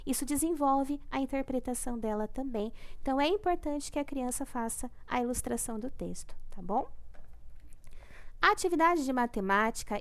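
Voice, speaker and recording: A young woman teacher with a Brazilian Portuguese accent, patiently going over homework in a recorded class and often checking in with "tá?". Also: sits high. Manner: patient, ends phrases with "tá?", syllables drawn out. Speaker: primary school teacher.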